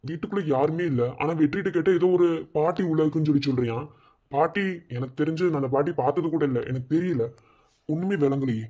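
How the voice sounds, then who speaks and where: A man's voice: on the high side, fast talker, mellow, slightly rough, dull audio. A man voicing a worried village man in a cartoon, with a Madurai Tamil accent. He reassures the others and mutters over his suspicions. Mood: suspicious. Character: worried village man, protective older brother. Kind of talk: cartoon voice acting.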